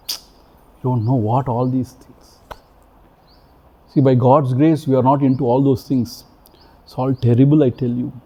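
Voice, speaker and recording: A man's voice: medium pitch, mellow, slightly rough, lo-fi sound. A man giving a spiritual discourse, emphatic and repetitive, with many rhetorical questions. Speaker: spiritual teacher. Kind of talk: spiritual discourse to a retreat audience. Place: retreat hall before an audience.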